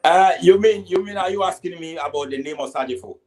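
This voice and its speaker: A man's voice: fairly high pitch, fast, darkish tone, faint music behind, poor audio. A Ghanaian man with a Ghanaian accent, a reggae artist answering interview questions in a casual way, often saying "you know" and stumbling over repeated words.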